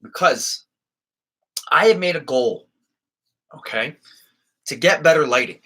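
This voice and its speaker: A man's voice: on the high side, expressive, normal speed, a bit bright, poor audio. A man hosting his own live stream, chatting casually and joking as he talks straight to viewers. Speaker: channel host on a live stream.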